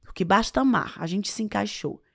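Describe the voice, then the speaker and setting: A woman speaks as an interview guest, explaining advice with lively stress on her words. Her voice has a noticeable gravelly fry. It sounds dry and close, with no room around it. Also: medium pitch, brisk, no echo. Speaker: author and guest. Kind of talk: interview answers giving advice.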